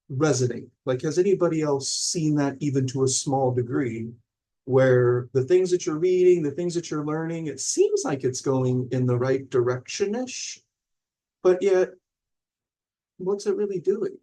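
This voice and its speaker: His voice is fairly high-pitched and warm. He's a man in his forties from Illinois leading a rambling, conversational live-streamed mindfulness talk, reading viewer comments and often checking in with those listening.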